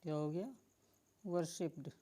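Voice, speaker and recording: A woman, teaching spelling rules to exam students in a slow, explaining manner. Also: lowish voice, dark tone. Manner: slow explanatory teaching, addresses viewers as friends. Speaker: English teacher.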